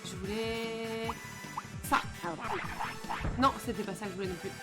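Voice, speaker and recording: A woman's voice: medium pitch, brisk. A young woman with a French accent streaming a video game live, chatting casually and joking while she thanks her viewers. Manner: chatty, jokey, reads chat aloud. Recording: music playing behind the voice.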